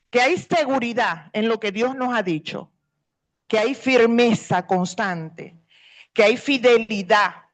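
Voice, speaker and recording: A woman's voice: fairly high pitch, fairly bright tone. A middle-aged woman pastor, preaching a sermon earnestly and stretching out key words for emphasis.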